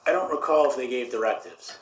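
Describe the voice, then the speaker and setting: A man's voice: medium pitch, expressive, a little fast. A male detective giving guarded, matter-of-fact testimony under cross examination in court. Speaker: police detective testifying as witness. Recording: echoey courtroom with faint noise.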